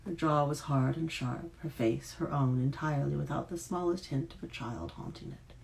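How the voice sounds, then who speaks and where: A woman reading her own dark fairy-tale novel aloud, with intense, dramatic narration and hushed passages. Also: low-pitched, normal speed, creaky, poor audio. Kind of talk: live fiction reading.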